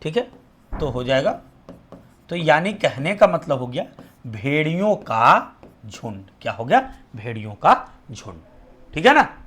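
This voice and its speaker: A man's voice: a little high, sing-song, a little slow, pauses often, fairly bright tone, breathy edge. A man with a Bihari Hindi accent teaching an exam-prep lesson. He quizzes his students, repeats the answers back to them as questions, and drops almost to a whisper on the answers.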